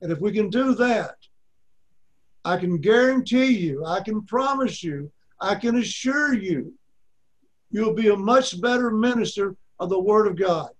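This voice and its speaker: An older man with an Arkansas accent teaches a Bible class in a high, light voice. He speaks in a folksy way, driving his points home by repeating them. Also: expressive, unhurried.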